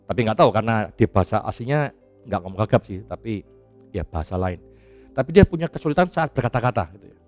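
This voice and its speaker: A male pastor delivers a sermon in a relaxed, conversational way, breaking into laughter and casual asides. His pitch rises and falls widely as he speaks. Soft music plays faintly underneath. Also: fast. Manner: chatty and animated, laughs often, casual asides.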